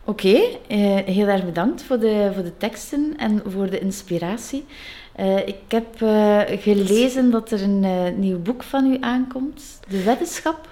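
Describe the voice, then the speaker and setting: Slow-spoken woman interviewer. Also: medium pitch, warm tone. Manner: slow, agreeable, many yes-replies. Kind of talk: casual interview.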